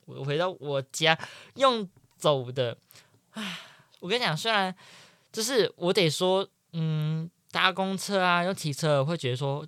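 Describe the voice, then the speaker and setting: A young man with a fairly high voice tells a personal story in a loose, animated way. His energy swings from loud bursts down to quiet asides. The recording is close and dry, with no room sound. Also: no room sound. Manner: animated, chatty, jumps between loud excitement and quiet mumbling. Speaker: podcast host. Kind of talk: casual storytelling monologue.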